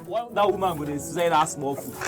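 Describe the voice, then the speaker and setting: A man with a Nigerian Pidgin accent playing a rowdy young street guy who shouts and exclaims, over loud music. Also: a little high, brisk, close to an everyday voice.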